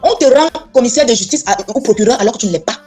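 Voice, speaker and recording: Fast-talking woman, husky, blunt, keeps repeating her point, faint music behind. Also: on the high side, lively intonation, dark tone. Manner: blunt, insistent, repeats herself. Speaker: co-host. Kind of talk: casual chat.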